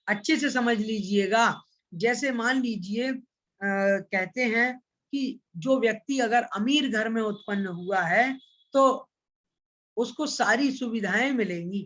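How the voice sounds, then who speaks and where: A man teaching an online scripture class, patiently explaining and repeating points, and chanting Sanskrit verses slowly. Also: extremely high pitch, a bit bright, highs cut off. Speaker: religious studies teacher.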